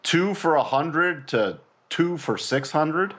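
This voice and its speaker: A man co-hosting a finance podcast, talking in a loose, halting way and sometimes breaking into animated mock voices. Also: on the high side, a little hiss or hum. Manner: hesitant restarts, jumps into animated mock voices. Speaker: podcast co-host. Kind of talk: casual podcast chat.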